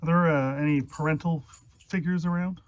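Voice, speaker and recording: A man playing a tabletop game, speaking hesitantly and pausing to think, on a muffled mic with faint background noise. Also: a little high, fairly even intonation. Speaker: player. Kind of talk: casual tabletop role-play.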